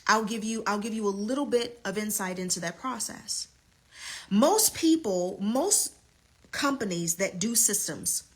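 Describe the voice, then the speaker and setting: A woman's voice: medium pitch, a bit bright, husky. A woman teaching a live online business lesson as a coach, emphatic and repeating her key points.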